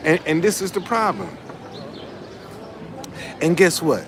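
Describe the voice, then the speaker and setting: A man's voice: high voice, slow pace, background noise. Slangy street interviewer man. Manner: casual slang, stammering restarts. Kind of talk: street conversation. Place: outdoors on a city street.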